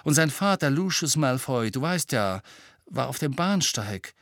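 A man's voice: mid-range voice, big pitch swings, unhurried, creaky, fairly bright tone, no echo, studio quality, voice pushed up, exaggerated voice. A man reading an audiobook, voicing an earnest, protective teenage boy who pleads insistently. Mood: urgent, worried.

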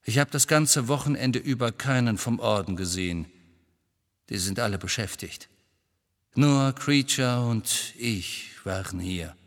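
A man reading an audiobook, voicing a restless grown man in hiding who reassures briskly with a bitter edge. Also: mid-range voice, lively intonation, fairly bright tone, long reverb tail, pitched above the performer's own voice. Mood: tense, bitter.

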